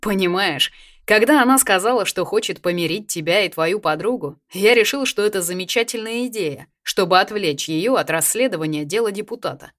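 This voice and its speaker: A woman's voice: mid-range voice, expressive, a bit bright, pitched above the performer's own voice, natural voice. A woman reading an audiobook, voicing an ironic, philosophical male friend. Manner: dry, ironic, unhurried.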